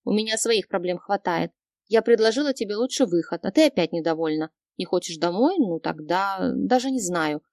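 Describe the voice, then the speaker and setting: A woman's voice: medium pitch, animated, brisk, a little mellow, dry recording, clean studio sound, lightly acted. A woman voicing a brash young female friend who snaps back bluntly, in an audiobook reading. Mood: defensive. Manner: snapping, blunt.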